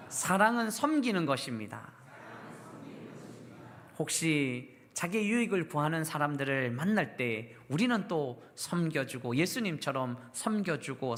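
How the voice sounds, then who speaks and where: A woman's voice: fairly low pitch, fairly bright tone. A woman pastor preaching a sermon at a church service, asking the congregation questions and having them repeat lines back.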